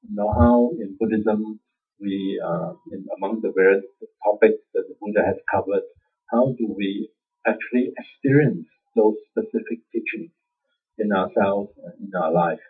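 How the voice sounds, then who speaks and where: In a lowish, husky voice at a moderate pace, this Buddhist teacher speaks with a Singaporean accent during an informal dharma talk. His tone is conversational and self-mocking, punctuated by regular chuckles, on a dull, lo-fi recording.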